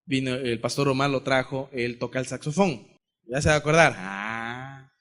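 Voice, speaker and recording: A man's voice: medium pitch, steady tone, a little fast, fairly bright tone. A man from Ecuador preaching a sermon, telling a personal testimony with passion and acting out the voices of God and his brother. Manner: impassioned, acts out dialogue with God and his brother.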